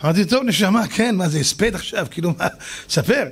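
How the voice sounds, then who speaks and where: A man, a rabbi, giving a sermon as a story and acting out the people in it with animated delivery. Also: high voice, husky. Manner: animated, acts out the people in his stories.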